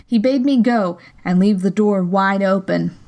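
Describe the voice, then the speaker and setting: A woman narrating a classic novel as an audiobook in a steady, measured storytelling manner. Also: medium pitch, lo-fi sound.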